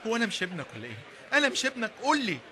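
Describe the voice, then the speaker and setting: A young man playing a lazy, whiny son with an Egyptian accent, sarcastic and quick with complaints. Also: very high-pitched, wildly swooping pitch, heavy background noise, heavily acted. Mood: pleading. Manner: whiny, sarcastic, fast-talking.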